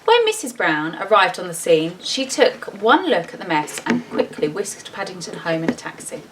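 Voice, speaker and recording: This woman's fairly low, slightly bright voice is very animated as she reads a storybook to kids at a moderate pace. A schoolteacher, she performs the text expressively and chats informally as she shows each picture. Faint background noise comes through on the distant mic.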